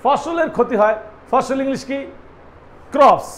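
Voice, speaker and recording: High-voiced man teaching English. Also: unhurried, a bit bright, slight background noise. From Bangladesh. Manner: asks and answers his own questions, spells words letter by letter. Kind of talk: spoken language lesson.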